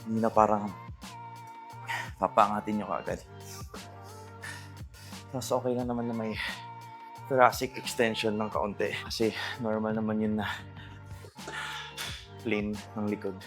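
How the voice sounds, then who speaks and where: A man's voice: fairly low pitch, flat delivery, unhurried, pauses often, a bit bright. A Filipino man speaking casually as a fitness vlogger, coaching exercises and mixing in English gym terms. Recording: music behind the voice.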